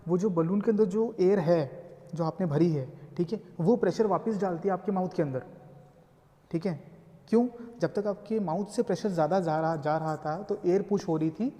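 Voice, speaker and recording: A man's voice: sits high, moderate pace, mellow. A male lecturer explaining step by step and checking in often with his students. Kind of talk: code-mixed classroom lecture. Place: classroom. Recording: reverberant room.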